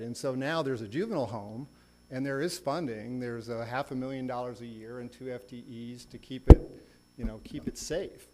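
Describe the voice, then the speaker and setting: A man with a mid-pitched voice presents a formal legal argument as a lawyer in a courtroom. A faint hum sits behind him. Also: mellow, rough recording. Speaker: lawyer arguing an appeal. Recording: faint hum and background noise.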